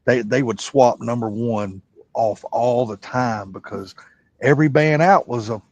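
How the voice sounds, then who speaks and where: A man's voice: medium pitch, a little mellow, no echo, highs cut off. A man, swearing freely in a casual live-stream chat. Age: 50s. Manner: salty, swears freely, drawn-out rambling.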